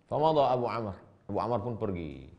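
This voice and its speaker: A man's voice: big pitch swings, a little fast, a little mellow. A male preacher reads an old Arabic text aloud and translates it line by line, repeating and rephrasing each passage and acting out the quoted people. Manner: shifts pitch sharply to act out quoted speakers. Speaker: preacher teaching a classical text.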